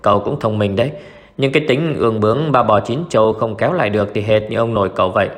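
A man's voice: fairly low pitch, long reverb tail, natural voice. A man voicing a weary, mocking old schemer. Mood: calm mocking. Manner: calm, unhurried, mocking.

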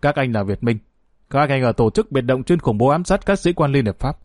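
A man's voice: mid-range voice, animated, fairly quick, a little mellow, no echo, studio quality, close to an everyday voice. A man voicing a stern older male colonel who questions and commands. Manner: stern, interrogating.

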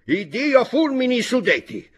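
A man voicing a hot-tempered, embittered male aristocrat who rants and shouts in an audiobook reading. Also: mid-range voice, lively intonation, moderate pace, breathy edge. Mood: furious shouting. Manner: shouting, explosive.

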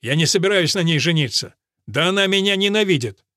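A man's voice: high-pitched, animated, fairly quick, bright, forceful tone, no room sound, studio quality. A man voicing a proud young carpenter who protests indignantly.

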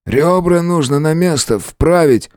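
A man voicing a hoarse, creaky-voiced stranger over a hundred years old, calm and matter-of-fact, in an audiobook. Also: fairly high pitch, unhurried, dry recording, studio quality, voice pushed up, lightly acted. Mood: urgent. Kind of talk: audiobook character voice.

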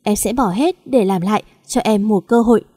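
A woman's voice: mid-range voice, brisk, dark tone, dry recording, studio quality, lightly acted. Woman voicing a pleading tearful wife. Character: desperate young wife, pleading and sobbing.

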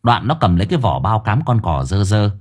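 A man narrating an audiobook story in a lively, earthy storytelling manner, with a husky voice. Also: lowish voice, fairly quick.

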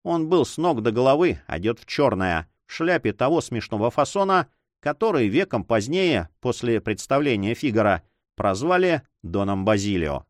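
Guy reading a novel aloud, animated, very dry sound. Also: mid-range voice, moderate pace, no echo. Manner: expressive storytelling. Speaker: narrator.

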